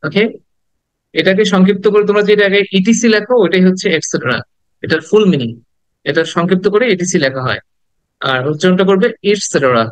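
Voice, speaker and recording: A man teaching English pronunciation in an online lesson, repeating each word slowly and carefully between quick explanations. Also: high voice, no room sound, poor audio. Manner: slow careful repetition of model words, quick explaining asides.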